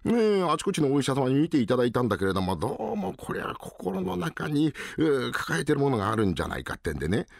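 A man's voice: mid-range voice, big pitch swings, racing, few pauses, dry recording. A man in a rakugo storytelling voicing a worried older merchant father who talks in a coaxing, anxious way.

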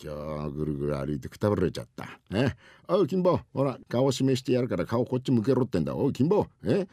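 Male rakugo teller voicing a bumbling Edo husband, gruff slang, dry close sound. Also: on the low side, very animated, brisk, dark tone, dry recording. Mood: boisterous. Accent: Edo Tokyo downtown speech. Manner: gruff, blustering, rough slang. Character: hasty, bumbling working-class Edo husband. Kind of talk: rakugo storytelling.

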